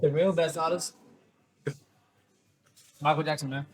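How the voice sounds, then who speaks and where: A man's voice: fairly high pitch, steady tone, measured pace, low-quality recording. A young man chatting casually in short slangy bursts while struggling through spicy food. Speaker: challenge participant. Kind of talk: casual chat during a spicy eating challenge.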